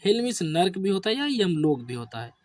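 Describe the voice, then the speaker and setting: A man teaching an English spelling lesson to children, asking questions and answering them himself in a lower voice. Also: very animated, a little fast, darkish tone, no room sound. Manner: addresses viewers as children. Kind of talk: slow classroom-style spelling lesson.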